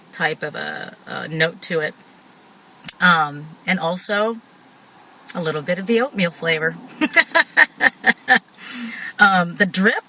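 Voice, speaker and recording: Someone gives a casual, rambling, chatty product review while talking with a tobacco pouch tucked in the upper lip. The mid-range voice has a sharp tone, and the poor audio carries noticeable background noise.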